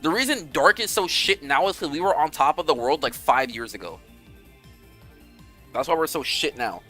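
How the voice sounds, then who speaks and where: A young man chatting casually with his viewers on a game stream, animated and rambling, swearing freely. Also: fairly high pitch, moderate pace, faint music behind.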